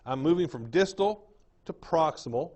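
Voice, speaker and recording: A fairly high-voiced man with an East Texas drawl gives a classroom lecture. He repeats each term and keeps asking the room whether it makes sense. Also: lively intonation, normal speed, a little mellow. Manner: drawling, repeats terms, checks understanding with the class. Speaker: anatomy lecturer.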